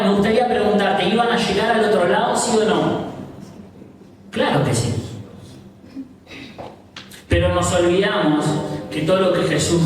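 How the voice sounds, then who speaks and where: A man pastor preaching a sermon, telling the story with dramatic pauses and questions to the audience. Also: a little high, a little mellow, slight background noise. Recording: echoey hall from far off.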